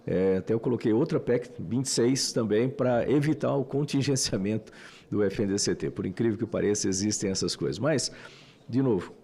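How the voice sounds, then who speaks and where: A man's voice: lowish voice, brisk, dark tone, husky. A Brazilian man, a senator, giving a loose, conversational parliamentary speech with frequent fillers. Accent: Brazilian Portuguese. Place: legislative committee room.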